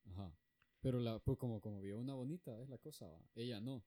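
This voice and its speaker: A man's voice: mid-range voice, a little fast, dark tone. A man co-hosting a casual chat in a laid-back way, mostly answering in short replies. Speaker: podcast co-host.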